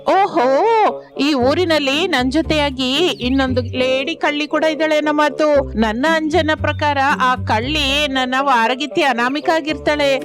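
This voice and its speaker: A woman voicing a sly, sharp-tongued young wife in an animated village story. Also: high voice, a little slow, music in the background. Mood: scheming. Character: sly scheming young wife who steals.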